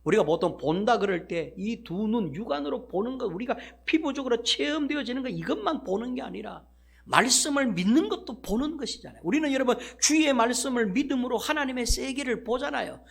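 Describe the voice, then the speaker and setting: A male pastor preaching a sermon in an emphatic, dramatic way, swinging from loud declarations to hushed asides. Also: very high voice, animated, brisk, vocal fry, slightly rough.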